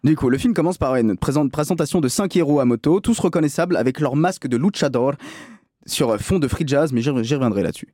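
A man with a fairly high voice, hamming up a comic film review with mock-tragic flourishes. The sound is close and dry, with no room around it. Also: expressive, fast talker, dark tone, no room sound. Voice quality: hammy, mock-dramatic delivery.

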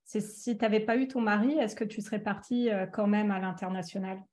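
A woman's voice: medium pitch, a little fast, darkish tone. A woman co-hosting a podcast interview, asking questions in a casual, informal way. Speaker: podcast co-host.

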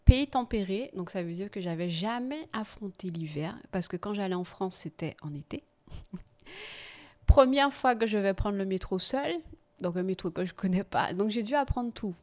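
A woman guest on a podcast, telling her life story in a casual, lively way and often laughing. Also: mid-range voice, moderate pace. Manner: lively, laughing, animated when telling anecdotes.

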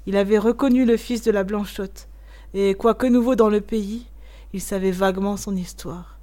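A woman narrating a classic tale in a measured, expressive storytelling voice. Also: medium pitch. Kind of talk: audiobook reading of a classic tale.

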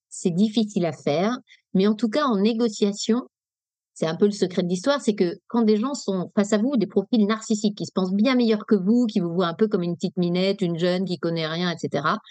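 A woman from Nice talks through negotiation tactics in a webinar, direct and lively as she explains. Her voice sits in a mid range for a woman. The recording is dry, with almost no room sound. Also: medium pitch, brisk, dry recording. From Nice, France. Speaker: negotiation coach. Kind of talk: webinar talk.

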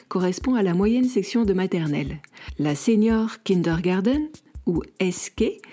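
A woman's voice: mid-range voice, mellow. A woman from France, a parent, hosting a podcast in a friendly, informative way with light self-mocking asides. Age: adult parent of school-age children. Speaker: podcast host. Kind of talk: scripted podcast narration.

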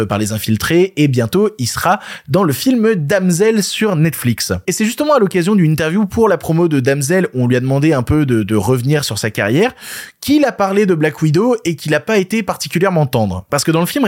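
A man's voice: on the high side, darkish tone. A French man hosting a casual film podcast, sarcastic and ranting. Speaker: podcast host. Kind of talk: casual film news chat.

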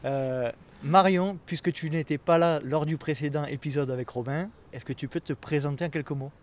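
A man's voice: a little high, fairly even intonation, a little fast, darkish tone. Man hosting a casual interview. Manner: friendly, fillers. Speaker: podcast host.

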